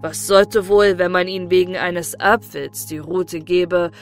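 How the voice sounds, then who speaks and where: A woman voicing a pious, gentle old shoemaker in a storybook reading, her voice pitched lower and pleading. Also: a little slow, soft background music. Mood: earnest.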